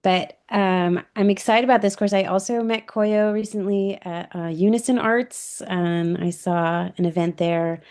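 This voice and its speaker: A woman's voice: medium pitch, steady tone, unhurried, few pauses, darkish tone. A woman art teacher from New York introducing herself on a video call, hesitant with many ums. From New York, United States.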